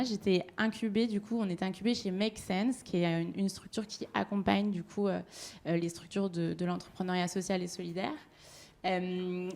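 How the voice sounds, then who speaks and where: A young woman in her twenties speaks live to an audience from a panel, telling her path with frequent fillers and restarts. Her voice sits at a middle pitch, and her way of talking is hesitant. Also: a little mellow. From France. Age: 20s.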